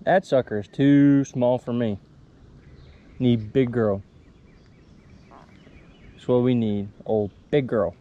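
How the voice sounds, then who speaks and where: A man's voice: medium pitch, fairly even intonation, takes it slowly, pauses often, narrow, tinny audio. A young man chatting casually to the camera as he fishes from a kayak on a creek, talking to the fish and using mild exclamations. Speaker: fishing vlogger. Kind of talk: casual running commentary. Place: small kayak on a wooded creek outdoors. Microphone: chest-mounted action camera.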